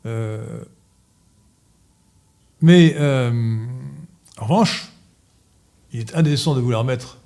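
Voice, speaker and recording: Halting man giving a lecture, dark voice. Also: mid-range voice. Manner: halting, many filler sounds and restarts; emphatic, insistent repetition. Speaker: lecturer at an association meeting. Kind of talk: political lecture.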